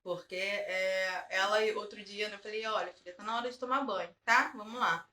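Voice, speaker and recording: A woman, a therapist and mother, calmly explaining as a guest in a casual conversation. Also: medium pitch, fairly quick. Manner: calm, explanatory, laughs at anecdotes. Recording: echoey room, distant mic.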